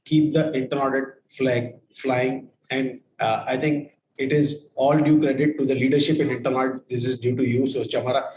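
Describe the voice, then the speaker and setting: A man's voice: medium pitch, fairly even intonation, brisk, few pauses, darkish tone. A man, a co-host offering courteous, repetitive thanks in a formal tone. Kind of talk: formal thanks on a video call. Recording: roomy video-call audio with faint noise.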